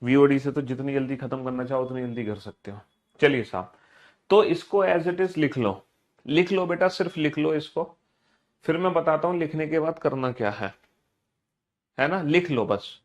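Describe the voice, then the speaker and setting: A man's voice: on the high side, moderate pace. A man teaching a live online class, repeating his instructions over and over and leading students in call-and-response drills. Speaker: online exam coaching teacher.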